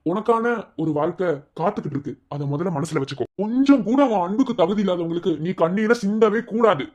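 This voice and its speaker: A man voicing a calm, firm male college lecturer in a cartoon, speaking in a steady, lecturing way. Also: sits high, quick pace. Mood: comforting. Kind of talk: cartoon voice acting.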